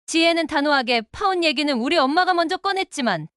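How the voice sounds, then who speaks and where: A woman narrating a dramatic family story in a steady scripted storytelling voice, reading every part herself. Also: high voice, quick pace, dry recording, studio quality. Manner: reads all parts in one steady voice.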